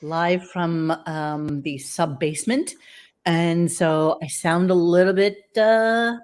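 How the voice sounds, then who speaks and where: A woman's voice: on the low side, fairly even intonation, takes it slowly, darkish tone. Woman host with an echoey basement sound. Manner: loose, chatty, swears casually. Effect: echoey room sound. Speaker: podcast host. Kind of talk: casual podcast chat. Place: basement room. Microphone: without her usual boom mic.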